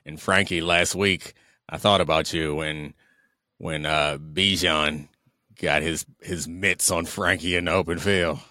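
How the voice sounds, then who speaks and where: Guy talking sports casually on a podcast, kinda low, wry, no room echo. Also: fairly even intonation, measured pace, pushed and bright, clean studio sound.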